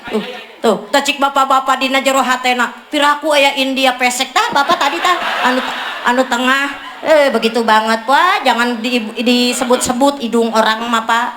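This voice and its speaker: A woman's voice: high-pitched, steady tone, normal speed. A woman preacher from Tangerang, giving a humorous sermon and teasing the crowd. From Tangerang, Indonesia. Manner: joking, teasing and bantering with the audience. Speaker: female Islamic preacher. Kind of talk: humorous religious sermon at a community celebration. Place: neighborhood religious gathering. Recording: echoey, noisy sound-system recording.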